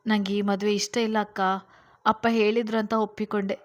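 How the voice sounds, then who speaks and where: A woman's voice: mid-range voice, flat delivery, normal speed, close to an everyday voice. A woman voicing an anxious younger sister, crying and worried, in a storybook reading. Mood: tearful.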